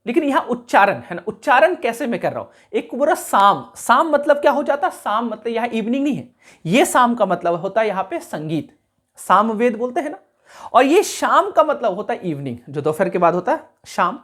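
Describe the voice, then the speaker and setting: A man teaching a class, explaining carefully, repeating key sounds slowly and checking whether his students follow. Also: very high voice, very animated, a bit bright. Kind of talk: classroom lecture.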